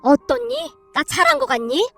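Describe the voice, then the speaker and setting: A woman's voice: very high-pitched, huge pitch swings, moderate pace, vocal fry, bright, forceful tone, faint music behind, voice pushed up, heavily acted. A woman voicing a meek middle-aged mother-in-law, eager and trying hard to sound tough.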